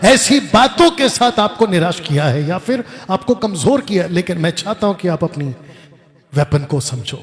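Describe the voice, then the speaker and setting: A man's voice: high voice, animated, normal speed. A middle-aged man preaching a fervent, exhorting sermon at a conference in a large hall. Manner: fervent, exhorting, repeats "come on". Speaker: pastor. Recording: long hall reverb.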